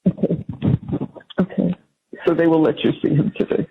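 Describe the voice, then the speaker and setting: Husky mother on a muffled jail payphone call. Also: low voice, steady tone. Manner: halting, careful speech. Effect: jail payphone call line. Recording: dull recorded phone call.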